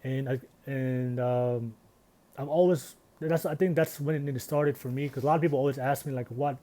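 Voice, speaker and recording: A man's voice: mid-range voice, fairly even intonation, moderate pace, warm tone. A man, talking earnestly and reflectively in a casual personal vlog. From Tonga. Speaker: vlogger.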